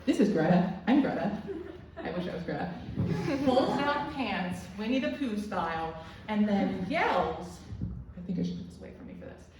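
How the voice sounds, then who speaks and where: A woman's voice: medium pitch, expressive, normal speed. Woman comic, echoey room from afar. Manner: rambling, crude, self-deprecating. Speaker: stand-up comedian. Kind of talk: stand-up storytelling. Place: small student comedy club room. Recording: very echoey room, distant mic, faint noise.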